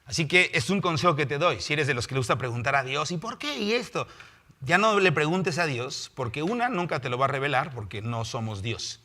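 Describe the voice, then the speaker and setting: A man with a Mexican Spanish accent preaching a sermon in a house of prayer, animated, acting out biblical figures in quick voices. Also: medium pitch.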